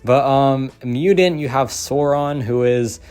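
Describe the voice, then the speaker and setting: A man's voice: medium pitch, slow, darkish tone, clear, resonant tone. Chatty young man hyping game picks. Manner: enthusiastic, heavy use of "like" and "so yeah". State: losing his voice. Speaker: gaming content creator. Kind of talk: casual game commentary.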